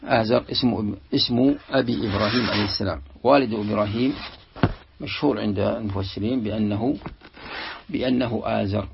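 A man teaching a Quranic commentary lesson, explaining in a halting way that repeats and restarts words. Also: fairly low pitch, noisy background. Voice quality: gravelly, very husky. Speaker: sheikh commenting on a tafsir. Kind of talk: classical Arabic tafsir lesson commentary. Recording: muffled lo-fi lesson recording.

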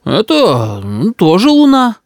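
A man's voice: sits high, wildly swooping pitch, takes it slowly, creaky, dry recording, clean studio sound, voice pushed up, full character voice. A man reading an audiobook and voicing a flustered old grandfather who stammers and mumbles.

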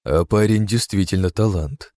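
A man's voice: low voice, normal speed, dark tone, close to an everyday voice. Man voicing a nervous sly nobleman.

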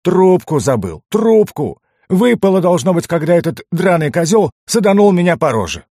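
Male narrator as a loud, lamenting gnome; lively, dry read. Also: on the high side, moderate pace, dry recording, pitched above the performer's own voice. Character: grumbling, wailing male gnome.

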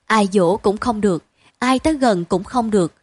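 A woman narrating a story in an even, measured reading style. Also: medium pitch, slightly rough, no room sound.

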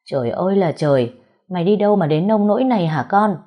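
A woman voicing an older village mother-in-law who scolds and shrieks abuse, with a husky voice. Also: medium pitch, fast talker, warm tone, voice pushed up, natural voice. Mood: wailing.

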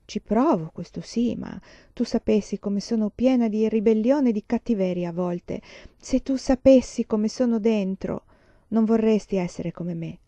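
Brief: calm, reflective blind older sister, voiced by a woman narrator, warm tone, dull audio. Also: medium pitch, normal speed, no room sound, natural voice. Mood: gentle. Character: gentle, pious blind young woman.

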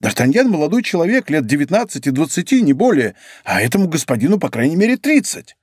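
Frantic whining shopkeeper, middle-aged male, read by a man, lively jumping pitch. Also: quick pace, husky, dry recording, clean studio sound. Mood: agitated pleading. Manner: excitable, pleading, exclaiming. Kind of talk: audiobook character voice.

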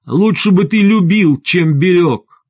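A man reading an audiobook who voices a frightened wife, raising his voice high as she pleads and shouts. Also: takes it slowly, husky, dry recording, clean studio sound, heavily acted. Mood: shouting. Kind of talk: audiobook character voice.

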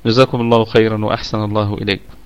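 A man teaching Quran recitation rules in an online lesson, speaking with an Egyptian Arabic accent. He explains slowly and repeats words to model how they should be pronounced. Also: lowish voice, flat delivery, clear, resonant tone. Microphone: online voice chat.

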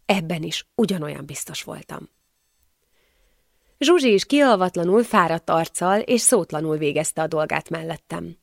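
Gravelly low-voiced woman narrator. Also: lively intonation, no echo, studio quality. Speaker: audiobook narrator. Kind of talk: first-person audiobook narration.

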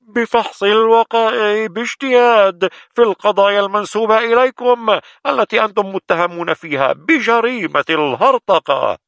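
A stern official, played by a man, reads formal charges in a high, measured voice. The sound is dry and close. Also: vocal fry, a bit bright, no room sound.

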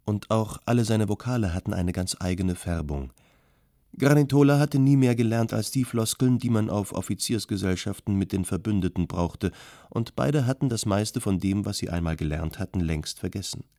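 Deep-voiced man reading a novel. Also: lively intonation, moderate pace, warm tone, no echo, clean studio sound. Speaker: audiobook narrator. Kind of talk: scripted literary narration.

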